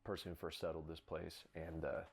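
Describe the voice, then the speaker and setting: A man with a very deep voice talks on a casual ghost-hunting vlog. He explains the trigger items in a relaxed, joking way. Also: brisk, very noisy. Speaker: ghost hunter. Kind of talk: casual paranormal investigation vlog. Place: indoors in an old inn.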